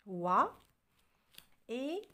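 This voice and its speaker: A woman with an Algerian accent tutoring a child at home, patiently repeating and spelling out words slowly. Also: fairly high pitch, sing-song, sharp tone. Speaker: tutor reviewing a French textbook with a child. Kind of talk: home tutoring, French and Arabic mixed.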